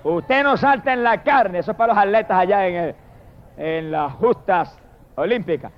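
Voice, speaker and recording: A man with a Puerto Rican accent preaching a fiery sermon, shouting long hallelujahs and then dropping to murmured prayers. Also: sits high, moderate pace, a little hiss or hum. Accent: Puerto Rican Spanish. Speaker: evangelist preacher. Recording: dull lo-fi sermon recording.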